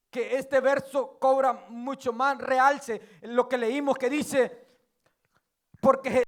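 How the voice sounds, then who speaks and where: A male preacher giving a sermon, retelling scripture as lively storytelling with joking asides. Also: extremely high pitch. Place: church.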